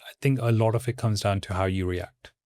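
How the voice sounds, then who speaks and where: A man speaking as a guest in a casual interview, with a stoic, calm, monotone delivery. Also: fairly low pitch, no echo, studio quality. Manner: stoic, measured. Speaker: guest, content creator.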